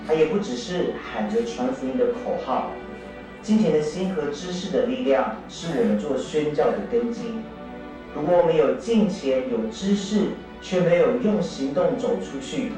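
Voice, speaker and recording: Higher-voiced Taiwanese Mandarin man, very echoey. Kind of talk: formal scripted narration. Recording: distant echoey playback with music.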